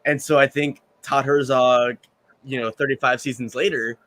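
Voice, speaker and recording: A man's voice: medium pitch, fairly even intonation, moderate pace, fairly bright tone. A man in his early thirties, a podcast co-host asking long, rambling, enthusiastic questions. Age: 30s. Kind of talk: casual podcast chat.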